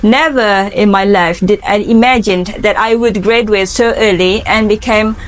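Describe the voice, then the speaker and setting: For an English speaking assignment, a young woman in her twenties with an Indonesian accent answers interview questions in a mid-range voice with a steady tone. She is earnest and careful, stopping now and then with fillers.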